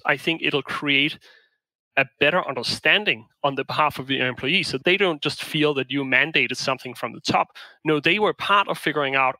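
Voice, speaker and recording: A man from Denmark talks through ideas as a podcast guest, thoughtful and explanatory, often restarting a phrase. His voice is very bright and forward. The sound is dry and close, with no room around it. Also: mid-range voice, no room sound, low-quality recording. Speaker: guest, management consultant. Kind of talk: podcast interview answers.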